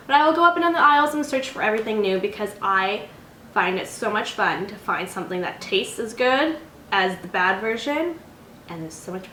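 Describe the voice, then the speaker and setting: A woman's voice: mid-range voice, sharp tone. A young woman chatting casually on her vlog, rambling and correcting herself as she reviews snacks. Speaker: beauty and lifestyle vlogger. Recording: echoey home room with faint noise.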